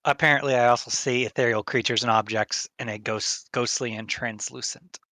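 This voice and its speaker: A man's voice: medium pitch, fairly even intonation, brisk, pushed and bright, no echo. A man chatting casually as a player in a tabletop game.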